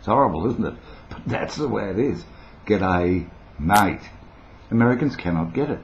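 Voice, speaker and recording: A man's voice: on the low side, expressive, fast talker, slight background noise. A man in his sixties with a mild Australian accent, a former radio broadcaster, chatting eccentrically and playfully in a casual vlog. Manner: playful, eccentric, rambling with frequent chuckles. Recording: dull lo-fi home recording.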